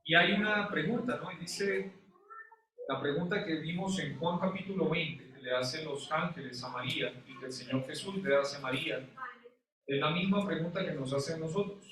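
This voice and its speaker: A male pastor preaches to his congregation, asking them questions in an animated way. His high voice comes across bright and forceful. He is recorded from a distance, and the church hall around him echoes heavily. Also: moderate pace. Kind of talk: sermon. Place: church sanctuary.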